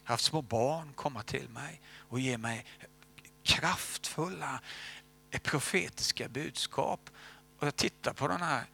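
A man preaching a sermon, telling a story and dropping to hushed whispers at key moments. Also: mid-range voice, vocal fry, breathy edge. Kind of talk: sermon testimony.

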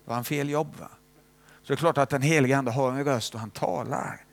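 A man's voice: mid-range voice, gravelly. A man preaching a sermon as a missionary, talking to the congregation in a conversational way and checking in with frequent tag questions.

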